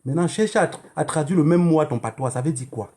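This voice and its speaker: Fast and mellow, with lively intonation in a slightly high voice, a man speaks to his livestream audience in a Cameroonian accent. The online activist's political monologue is emphatic and admonishing, peppered with repeated phrases and rhetorical questions.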